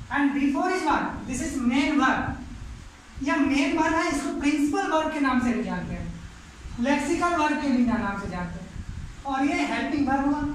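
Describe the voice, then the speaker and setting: High-voiced woman teaching grammar in echoey room. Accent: Indian English. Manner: explains slowly in English, fast in Hindi. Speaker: English teacher. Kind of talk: classroom grammar lesson. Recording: echoey room recorded from far off, faint noise.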